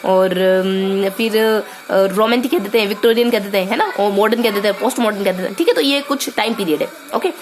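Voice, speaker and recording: A young woman with a mid-range voice talks briskly, barely pausing, as she gives a casual lesson. She's chatty and playful, thinking out loud with lots of fillers and memory tricks.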